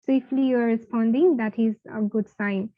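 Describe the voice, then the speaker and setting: Slow, encouraging woman teacher. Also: a little high, steady tone, dry recording, narrow, tinny audio. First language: Bengali. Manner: encouraging, mixes Bengali and English, repeats words for drilling. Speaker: English teacher. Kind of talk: online live class, pronunciation drill. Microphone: video call.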